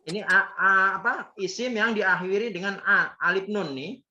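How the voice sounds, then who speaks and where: A man's voice: high-pitched, normal speed, sharp tone. A man teaching a grammar class, drilling students by repeating words and quizzing them. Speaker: Islamic teacher. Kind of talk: Arabic grammar class with call-and-response. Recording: echoey, dull lo-fi, faint noise.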